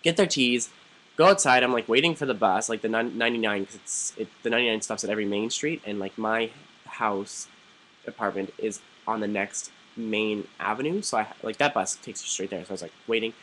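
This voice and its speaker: A man's voice: lowish voice, brisk, a little hiss or hum, rough recording. Chatty young man telling a story. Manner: chatty, animated, quoting others in lively put-on voices, frequent "like". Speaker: vlogger. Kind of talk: casual storytelling to camera.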